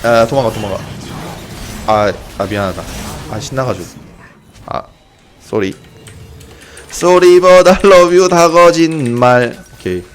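A young man streaming a video game, giving excited casual commentary, often yelling and swearing during fights. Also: mid-range voice, slow pace, long pauses, soft background music. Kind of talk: excited live gameplay commentary.

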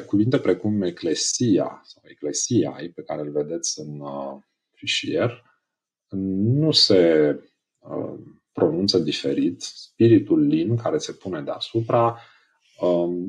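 A man with a very deep, low voice gives a recorded language lesson. He explains each example patiently and deliberately. He often stops with small hesitations as he goes through the material. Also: a little mellow. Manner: measured, explanatory, with frequent hesitations. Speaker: Greek language teacher.

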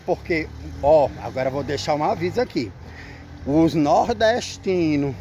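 Male vlogger, exclamatory street-tour chatter, fairly high voice, noisy outdoor recording. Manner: exclamatory, constantly tags phrases with "ó". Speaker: vlogger touring neighborhoods. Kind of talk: casual chatty city tour. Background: barking dogs and passing vehicles.

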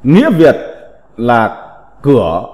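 A man teaching a slow recited vocabulary lesson, reading in a deliberate, measured way with drawn-out syllables. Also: mid-range voice, wildly swooping pitch, a little mellow. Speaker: teacher of classical characters. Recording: long reverb.

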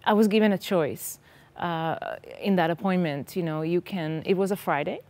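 On a TV studio set, wearing a lapel mic, an Israeli guest, a native Hebrew speaker, recounts her personal experience in an interview. She sounds earnest and hesitant, using many ums, her voice on the low side, a little mellow, at a moderate pace.

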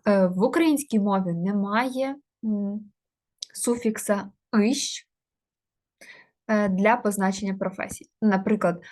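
A woman's voice: medium pitch, a little mellow. Woman teacher explaining word structure. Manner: explains step by step, many "e" fillers, corrects herself. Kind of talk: online grammar lesson, working through test answers.

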